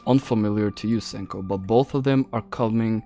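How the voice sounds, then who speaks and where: A man narrating as game master in a tabletop role-play, describing the scene slowly. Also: lowish voice, mellow, a little hiss or hum.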